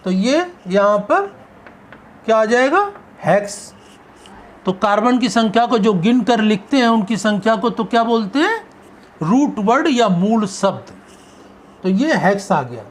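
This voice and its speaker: A man's voice: sits high, sing-song, unhurried, pauses often. A male chemistry teacher giving a classroom lecture. He poses questions and answers them himself, stretching out the key terms.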